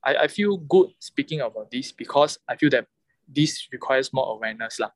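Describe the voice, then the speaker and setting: A Singaporean man talks casually in Singlish, sliding between English and Mandarin with local particles. His pitch is mid-range and his phrasing halting. The sound is very dry. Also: expressive, dry recording. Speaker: podcast guest. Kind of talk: casual chat.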